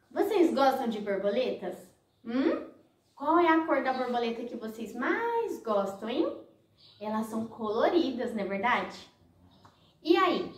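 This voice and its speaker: A woman's voice: high voice, reverberant, far from the mic. A woman, a nursery teacher, telling a children's story to toddlers in an exaggerated sing-song manner.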